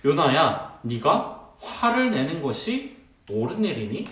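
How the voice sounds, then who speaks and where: A man voicing God in a children's sermon, speaking in a gentle, questioning way. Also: fairly high pitch, big pitch swings, takes it slowly, exaggerated voice. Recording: roomy and distant.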